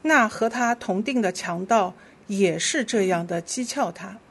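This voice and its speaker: A woman leading a church service, reading scripture aloud verse by verse in a steady, clear voice. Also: mid-range voice, a little slow. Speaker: worship leader.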